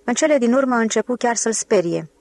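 A woman's voice: fairly high pitch, expressive, darkish tone. Woman narrating an audiobook. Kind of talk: scripted narration.

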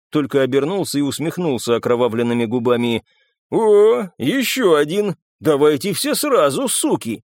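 A male narrator reads an audiobook with a very lively, rising and falling intonation. His delivery is tense and dramatic, and the voice sits close and dry, with no room sound. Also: medium pitch, no room sound. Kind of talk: scripted narration.

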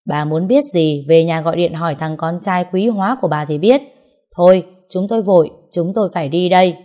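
A woman's voice: lowish voice, fairly quick, dark tone, close to an everyday voice. A woman reading the lines of an angry, stern older father in a storybook tale. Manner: curt, indignant.

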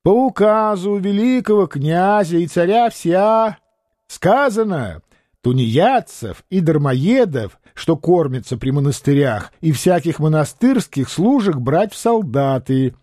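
Brief: man playing a fussy, evasive old-time governor, a bit higher, mellow and dry. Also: animated, unhurried, no room sound. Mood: reading aloud. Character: evasive greedy provincial male governor.

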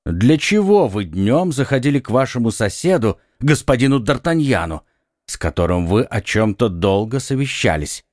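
A man's voice: mid-range voice, sing-song, normal speed, darkish tone, dry recording, clean studio sound, natural voice. A man voicing a stern, blustering police commissioner questioning a prisoner in an audiobook. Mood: interrogating. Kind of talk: audiobook reading.

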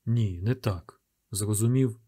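A man voicing a desperate father hiding with his son, speaking in a hushed, urgent whisper. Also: lowish voice, takes it slowly, husky.

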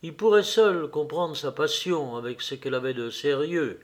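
A man narrating a classic novel aloud in a measured, even manner. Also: on the high side. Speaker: audiobook reader.

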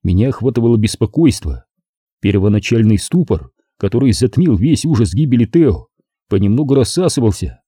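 Husky, dark-voiced male audiobook narrator. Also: mid-range voice, expressive, a little fast, dry recording, clean studio sound. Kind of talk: first-person novel narration.

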